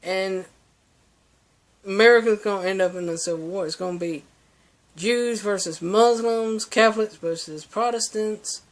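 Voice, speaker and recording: A man's voice: high voice, measured pace. A young man delivering a preachy, ranting opinion monologue, full of restarts and fillers. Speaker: vlogger.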